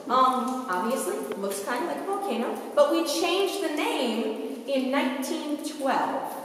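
High-voiced woman guide with cave echo. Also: lively intonation, measured pace, a little hiss or hum. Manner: casual, chatty, frequent fillers. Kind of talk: guided tour talk. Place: inside a large cave. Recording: echoey cave from far off.

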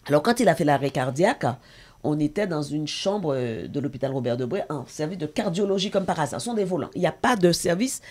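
A woman's voice: deep voice, lively intonation, brisk, a little mellow. A middle-aged woman, a talk show guest and association president, giving an intense, emotional personal testimony with hesitations.

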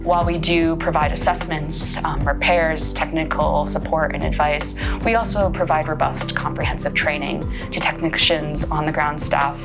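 A woman describing an organization's work in a measured, scripted way. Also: low-pitched, gravelly. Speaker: organization spokesperson. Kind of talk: scripted narration.

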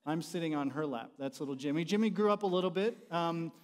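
Speaking fast in a slightly high voice, this middle-aged university dean and teacher, American-born with part of his upbringing in Haiti, keeps his teaching talk casual and throws questions to the audience. He stands at the front by the stage in a large church auditorium, and the recording echoes.

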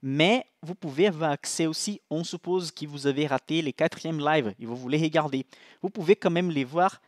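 A man's voice: fairly high pitch, normal speed, no room sound, clean studio sound. A man with a Brazilian accent, Portuguese his first language, hosting a live-streamed investing class in a casual, chatty way that keeps checking in with listeners. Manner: chatty, repeats "ok?" and restarts. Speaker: livestream host, financial analyst.

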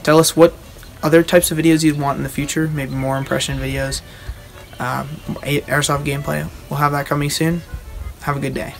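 A young man giving a casual, halting show-and-tell as a video host, recorded outdoors at a short distance from the camera. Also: fairly high pitch, little pitch movement, vocal fry, soft background music. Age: teenager or young adult. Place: outdoors on a wooden backyard deck.

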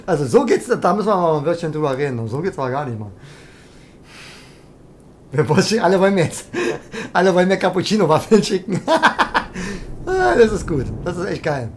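A woman's voice: on the low side, very animated, brisk, pauses often, a little mellow, slight background noise. A woman streaming a truck driving game, chatting and teasing her viewers in a mock-indignant, rambling way. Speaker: gaming streamer. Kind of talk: live game commentary reading chat.

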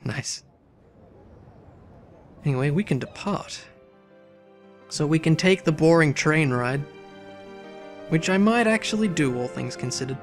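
A man with a fairly high voice reads a text adventure aloud, slipping into wry, relaxed asides. Faint game music runs underneath the whole time. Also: unhurried, long pauses. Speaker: let's play host.

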